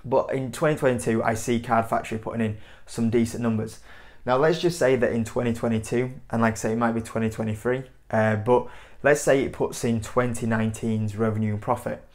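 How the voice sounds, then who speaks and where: A man's voice: mid-range voice, steady tone, fairly quick, a little mellow. A young man in his twenties hosting an investing channel, talking casually to camera in front of a whiteboard indoors, rambling with lots of "you know" and gesturing as he speaks. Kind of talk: casual stock commentary to camera.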